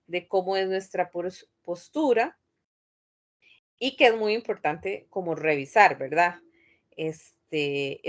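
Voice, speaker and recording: A woman teacher lectures in a calm, thoughtful way. She stops often with fillers and restarts her sentences while she explains. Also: mid-range voice. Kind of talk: online class lecture.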